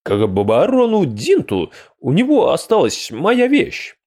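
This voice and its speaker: A man voicing a cautious male mage who speaks in a low, subdued and measured way. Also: huge pitch swings, darkish tone, full character voice. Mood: guarded.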